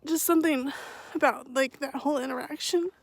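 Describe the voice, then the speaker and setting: A woman's voice: high-pitched, fairly even intonation, fairly quick, vocal fry, no echo. A young woman talking to her camera while hiking outdoors, rambling and emotional, laughing now and then. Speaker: thru-hiker vlogger. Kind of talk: casual vlog monologue. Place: outdoors on a trail. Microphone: handheld camera while walking.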